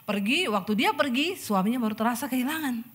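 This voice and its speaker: A woman pastor with an Indonesian accent preaching a lively sermon to a church congregation, acting out the people in her stories with chatty asides. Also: on the high side, fast talker, slightly rough. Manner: animated, acts out quoted people, chatty asides. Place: church service in front of a congregation.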